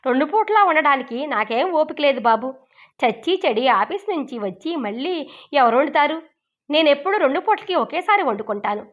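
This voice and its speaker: A woman reading as a scornful, sharp-tongued young woman. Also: high-pitched, animated, brisk, highs cut off. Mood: irritated. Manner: curt, dismissive retorts.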